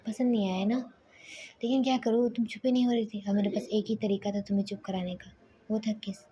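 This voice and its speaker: A woman's voice: mid-range voice, steady tone, brisk, warm tone, lo-fi sound, a little hiss or hum, close to an everyday voice. A woman voicing a domineering, possessive young husband who gives threatening commands. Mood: taunting whisper.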